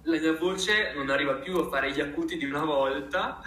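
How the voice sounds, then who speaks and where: A man speaking emphatically and expressively in a casual interview, with halting phrasing and repeated words. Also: a little high, sharp tone. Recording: roomy, echoing sound.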